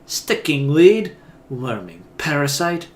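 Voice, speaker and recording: A man voicing a fiery awakened soul, a woman, snarling and slow. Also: fairly high pitch, animated, fairly bright tone. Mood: furious. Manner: snarling, drawn-out. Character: fiery awakened female soul, Scottish-tinged.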